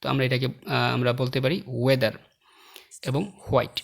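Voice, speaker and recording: Slight background noise and clicking accompany a male English teacher as he goes through slides, reading example words slowly one by one and explaining the rules. His medium-pitched, creaky voice stays completely flat.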